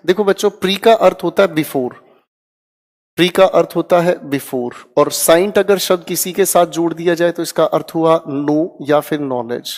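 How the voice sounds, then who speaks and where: An energetic man teaches English vocabulary in Hindi for exam prep. He drills each word aloud with his students and keeps checking that they follow. His voice sits a little high and rings in a long hall reverb. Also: normal speed.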